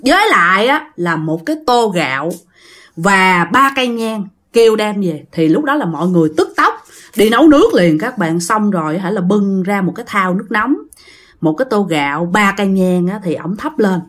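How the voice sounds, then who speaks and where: Lively Southern Vietnamese woman storyteller. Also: mid-range voice, moderate pace. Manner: animated, talks straight to listeners. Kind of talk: casual ghost-story telling.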